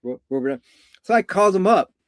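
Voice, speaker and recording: An older man, a coach and therapist, talking in a live video conversation, measured and animated as he tells stories. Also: high-pitched, dry recording. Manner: measured, animated storytelling with voiced vocal sounds.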